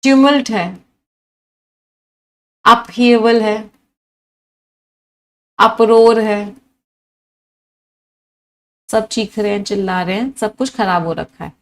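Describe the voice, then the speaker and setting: A woman teaches English vocabulary in a live online class, switching between Hindi and English. She rattles off synonyms in long chains and keeps asking her students to answer. She has a mid-pitched voice. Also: takes it slowly, pauses often. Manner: lively teacher who lists many synonyms and quizzes her students.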